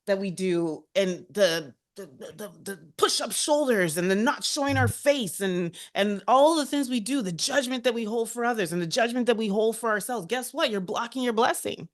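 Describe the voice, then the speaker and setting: A woman speaking as a guest on a career talk, telling personal stories in an animated, heartfelt and chatty way. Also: a little high, moderate pace, few pauses.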